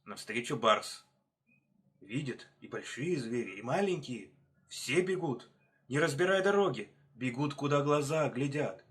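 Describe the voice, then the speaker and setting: A male actor reading a folk tale aloud as a bedtime story, expressive and unhurried. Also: mid-range voice.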